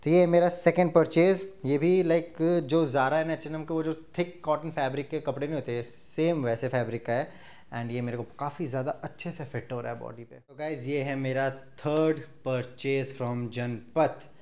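Speaking straight to his audience, the young Indian fashion vlogger goes through a clothing haul in a chatty blend of Hindi and English. His darkish, medium-pitched voice moves at a moderate pace with fairly even intonation, captured indoors through a clip-on lapel mic.

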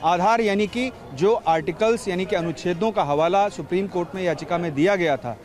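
Live outside a courthouse beside a street, a field reporter in his forties holds his microphone and calmly walks listeners through a court ruling, defining terms along the way. His voice sits high and sounds a little mellow.

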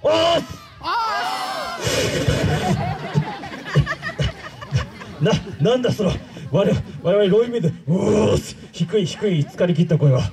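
An actor playing a pompous male android villain, speaking grandly to a live show crowd and shouting his calls. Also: sits high, expressive, a little fast, few pauses, poor audio. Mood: commanding. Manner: grandiose commanding speech, loud shouted calls. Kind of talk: live character-show acting.

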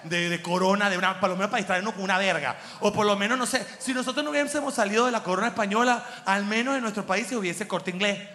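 A man delivering an animated, slangy comic monologue as host, mocking and laughing through his jokes. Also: high-pitched, quick pace, few pauses. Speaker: comedian host. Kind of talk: stand-up style comic monologue. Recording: echoey room with long reverb.

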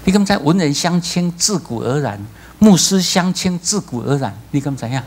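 A male pastor with a Taiwanese accent preaching a sermon, telling stories with lively acted-out voices. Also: on the high side, normal speed, husky. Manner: animated storytelling, acts out voices, laughs.

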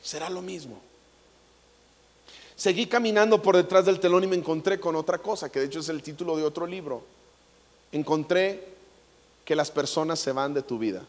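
A high-pitched Mexican man telling stories in a jokey, animated way before an audience. His voice carries a long echo in a large hall. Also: normal speed, pauses often. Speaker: motivational speaker. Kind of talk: comic inspirational talk.

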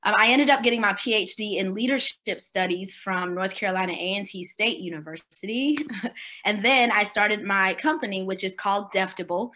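Bright-voiced woman giving a video-call keynote. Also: mid-range voice, normal speed. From Swaziland. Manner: conversational, with fillers and friendly check-ins. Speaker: keynote speaker. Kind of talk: virtual keynote talk. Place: home room, indoors.

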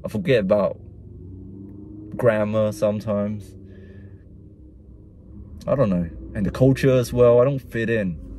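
Soft-toned man with mixed Vietnamese-Australian accent. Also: fairly low pitch, a little slow, pauses often, slight background noise. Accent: Vietnamese-Australian mix. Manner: soul-searching, rambling, repeats himself. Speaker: vlogger. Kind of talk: casual personal monologue.

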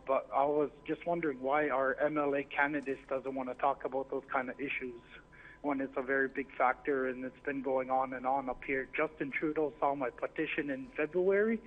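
A narrow, tinny phone line carries a man. He calls in with informal, earnest commentary, keeping his intonation fairly flat at a medium pitch. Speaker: phone-in caller. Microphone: telephone.

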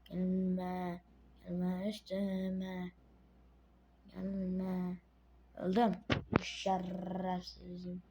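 A woman with a sore throat giving casual gameplay commentary to her viewers, muttering to herself and then breaking into sudden shouts. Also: fairly low pitch, drawn-out words, long pauses, slight background noise, rough recording. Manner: excitable, swings between muttering and sudden shouting. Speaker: gaming channel host.

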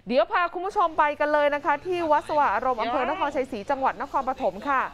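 A woman's voice: high-pitched, lively intonation, quick pace. A woman co-hosting a Thai TV news show, reading stories and trading chatty banter with her co-host in a studio. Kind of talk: casual news chat.

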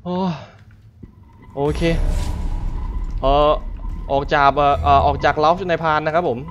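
A man giving casual live commentary while playing a horror game, excitable and yelping at scares. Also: on the high side, measured pace, highs cut off, a little hiss or hum. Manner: excitable, shouts and yelps at scares; translates game lines aloud. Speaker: gamer.

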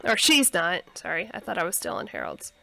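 Slightly hoarse giggly woman, game commentary. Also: fairly low pitch, lively intonation, brisk, pushed and bright, low-quality recording. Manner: chatty, giggly, talking to her characters. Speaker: let's play host.

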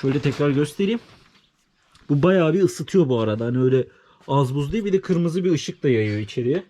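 A man's voice: fairly high pitch, lively intonation, quick pace. Man coaxing newborn farm animals. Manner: soothing, coaxing animals with repeated hushes. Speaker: farm vlogger. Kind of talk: casual vlog, talking to animals. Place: farm in a rural village, outdoors. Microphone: body-worn camera mic.

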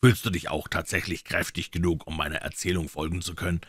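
A man reading an audiobook and voicing a calm, sharp-witted male detective. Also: low-pitched, fast talker, husky, no echo, clean studio sound. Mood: composed.

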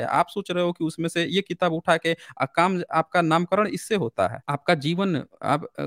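High voiced guy hosting a call-in, arguing nonstop, dry close sound. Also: no echo. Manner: argumentative, rapid-fire questioning. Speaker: host. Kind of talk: heated debate with a caller.

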